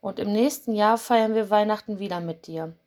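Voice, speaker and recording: A woman voicing a tender-hearted little girl in a storybook, speaking softly and pleadingly. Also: mid-range voice, normal speed, lightly acted. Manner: soft, pleading.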